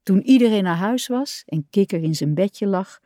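A woman reading a children's picture book aloud, in a gentle, expressive way. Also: mid-range voice, moderate pace, no echo, clean studio sound. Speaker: storyteller.

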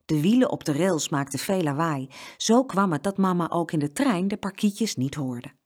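A woman reading a children's story aloud with an expressive, lively delivery. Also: lowish voice, moderate pace.

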